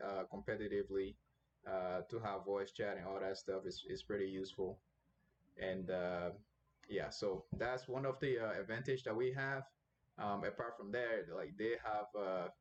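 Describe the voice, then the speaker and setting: A man's voice: fairly low pitch, muffled recording, a little hiss or hum. A young man casually commenting on his own gameplay, rambling with many fillers as he thinks aloud.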